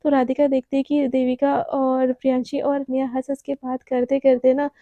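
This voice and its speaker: A woman's voice: sits high, completely flat delivery, moderate pace, no echo, phone-quality sound. A woman telling a romance story episode in a casual, chatty way, with frequent fillers.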